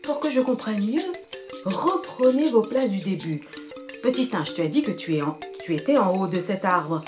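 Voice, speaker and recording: A woman voicing a small, wise female tortoise who asks patient, measured questions. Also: mid-range voice, expressive, natural voice. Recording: music playing behind.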